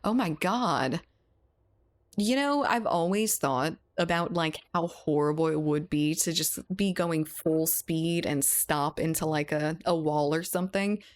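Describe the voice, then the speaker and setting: Gaming on a live stream, a South Louisiana woman chats easily and laughs a lot, reading and responding to her chat. Her slightly low voice comes through a close desk mic at an unhurried pace.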